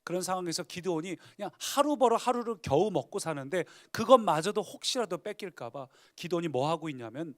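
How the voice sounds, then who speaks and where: A man's voice: high-pitched, lively intonation, fairly quick, hardly any pauses. A male pastor preaching a Sunday sermon, dramatically retelling scripture and rising to emphatic declarations.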